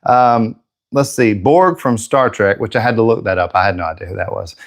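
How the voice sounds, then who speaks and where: A man's voice: lowish voice, fairly quick. A man hosting a live airbrush painting stream, chatting casually and joking with viewers, slightly out of breath.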